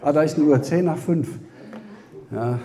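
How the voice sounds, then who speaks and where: A man giving a Bible teaching as a sermon, talking conversationally to the congregation, often checking with a quick "ja?" and restarting his phrases. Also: a little high, mellow. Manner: conversational preaching, frequent tag "ja?", restarts. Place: church hall.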